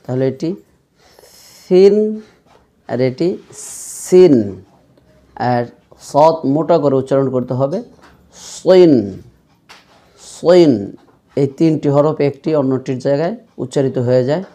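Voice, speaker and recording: A man's voice: steady tone, fairly quick. A man teaching Quran reading in an online lesson, explaining pronunciation and drawing out each sound several times for the class to repeat. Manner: louder and higher when voicing the sounds.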